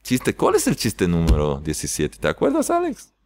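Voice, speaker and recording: Animated man telling a joke in a lesson. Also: low-pitched, normal speed. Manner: animated storyteller, laughing at his own joke. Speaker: rabbi teacher. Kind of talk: weekly Torah lesson with a joke. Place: yeshiva in Jerusalem.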